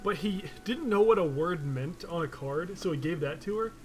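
A man's voice: a little high, expressive, moderate pace, soft background music. A young man telling a story in a casual chat. He rambles and restarts his sentences often.

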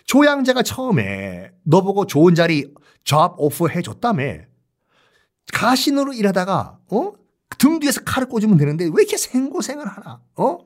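A man's voice: high-pitched, wildly swooping pitch, moderate pace, pitched above the performer's own voice. A man voicing an old friend who presses him with worried, reproachful questions.

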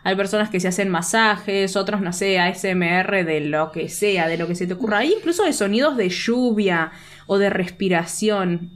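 A woman's voice: mid-range voice, moderate pace. A young woman with a Rioplatense Spanish accent, co-hosting a podcast in casual chat, laughing often. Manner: animated, laughing often, chatty. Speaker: podcast co-host.

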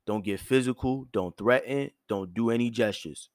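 A man hosting his own show, giving blunt, profane dating advice in a firm yet soft tone, with features. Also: medium pitch, normal speed, no room sound, studio quality. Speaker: host. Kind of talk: direct advice monologue.

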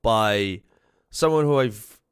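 A man's voice: fairly low pitch, takes it slowly, clear, resonant tone. A young man with a South Welsh accent hosting a podcast, chatting in a casual interview style with lots of fillers and repeated words. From South Wales. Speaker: podcast host.

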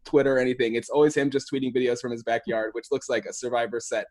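Male podcast host, medium pitch, informal sports-fan chat style, halting and self-correcting delivery. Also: fairly even intonation, a little mellow. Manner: halting, rambling, laid-back phrasing full of hedges and self-corrections.

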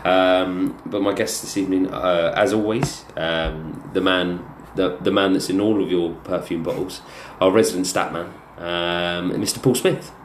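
A man hosts a casual chat in a lowish voice. He is hesitant and loose in his delivery. The room echoes and there is faint noise behind him. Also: steady tone, unhurried, few pauses. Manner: hesitant, sweary. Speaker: podcast host. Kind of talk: casual banter.

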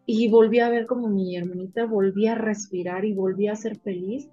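A woman with a Mexican accent, a veterinarian guest in an interview, telling her stories in an animated, emotional way. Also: mid-range voice, moderate pace, highs cut off, faint music behind. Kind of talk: casual interview storytelling.

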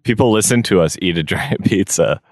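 A man's voice: low voice, expressive, fairly quick, dry recording, studio quality. A man co-hosting a podcast, chatting casually outdoors in a backyard. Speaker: podcast co-host. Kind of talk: casual chat.

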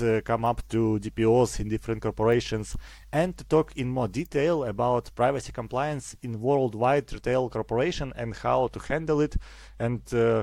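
A man hosting a podcast, introducing and questioning a guest in a hesitant way with frequent pauses and restarts. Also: mid-range voice, creaky, a little mellow, dry recording. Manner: hesitant, many fillers and restarts. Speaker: podcast host. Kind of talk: interviewing a guest.

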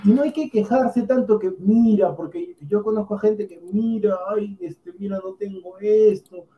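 A man's voice: sits high, steady tone, normal speed, lo-fi sound. A man with a Peruvian accent co-hosting a casual talk show, giving opinions emphatically and repeating himself.

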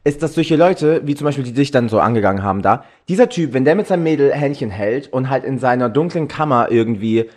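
A man's voice: mid-range voice, expressive, fast talker, few pauses, a little mellow. A man co-hosting a casual podcast, chatty and mixing English phrases into his German. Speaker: podcast co-host.

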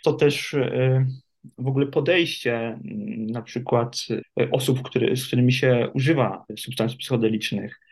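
A man, an addiction therapist, answering interview questions in a measured, reflective way with many hesitations. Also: medium pitch, vocal fry, darkish tone. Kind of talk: interview guest.

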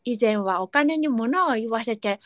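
A woman voicing a bashful young man with missing back teeth, reading a fan letter slowly and carefully. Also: fairly high pitch, expressive, dry recording. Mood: earnest.

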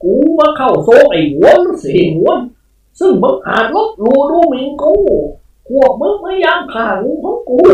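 Arrogant old male spirit, coarse and booming, put on by a woman narrator; high, lively pitch; distant echoey lo-fi audio. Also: normal speed. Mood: boastful. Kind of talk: audiobook character voice.

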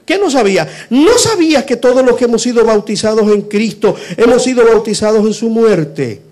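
A man preaching a sermon, asking rhetorical questions and swinging between loud emphasis and hushed lines. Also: very high voice, expressive, moderate pace.

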